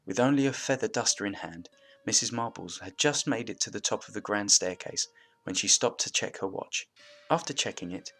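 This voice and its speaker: Low bright-toned male storyteller. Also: normal speed. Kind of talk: scripted story narration.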